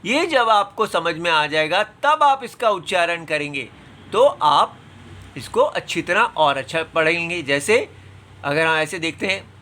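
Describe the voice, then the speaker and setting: A man teaching a scripture class, patiently explaining and breaking words apart syllable by syllable, sometimes reciting verses in a slow chant. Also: a little high, lively intonation, pushed and bright.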